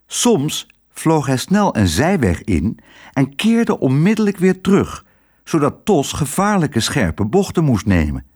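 A man reading a children's storybook aloud, expressive and switching voices for each character. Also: medium pitch, husky. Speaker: narrator.

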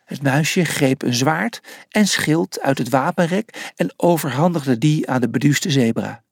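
A man narrating a children's audiobook chapter, slow and deliberate. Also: fairly high pitch, gravelly, no room sound, clean studio sound.

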